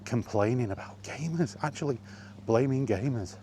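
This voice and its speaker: A solo video game vlogger rants off the cuff, exasperated and emphatic, throwing out rhetorical questions. His medium-pitched voice is animated and warm at normal speed, with slight background noise.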